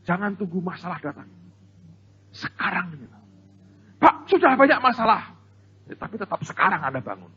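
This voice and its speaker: A pastor preaching a sermon in an animated, storytelling way, often turning to address the congregation directly. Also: male voice, on the high side, husky. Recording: dull lo-fi sermon recording.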